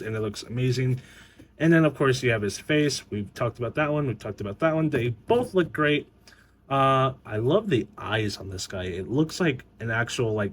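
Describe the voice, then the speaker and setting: A man casually reviewing an action figure at home, rambling and stumbling over his words with lots of fillers. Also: mid-range voice. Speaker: toy reviewer.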